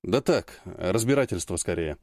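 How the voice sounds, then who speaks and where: A dry-humoured soldier brother in an audiobook, speaking low and wry, as a man reads him. The reading is close and dry with no room around it. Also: expressive, moderate pace, a little mellow, dry recording. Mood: dismissive.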